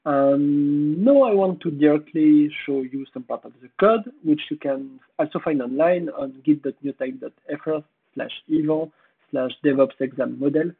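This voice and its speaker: Hoarse man with a French accent. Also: on the high side. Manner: halting, searching for words with pauses. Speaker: conference speaker. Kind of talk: technical conference presentation. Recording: tinny phone-like audio.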